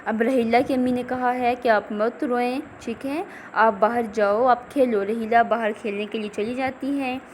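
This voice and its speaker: A woman's voice: fairly high pitch, steady tone, a little hiss or hum, poor audio. A woman schoolteacher, giving a recorded English lesson to young children and explaining each line in Urdu-Hindi. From Pakistan. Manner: reads English lines slowly, then explains in Urdu-Hindi.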